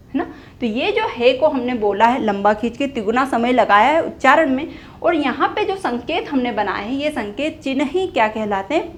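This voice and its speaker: Young woman teacher, high voice, repeats key phrases, slight room hum. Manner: repeats key phrases, asks and answers her own questions. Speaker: Hindi teacher. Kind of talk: whiteboard lesson explaining grammar.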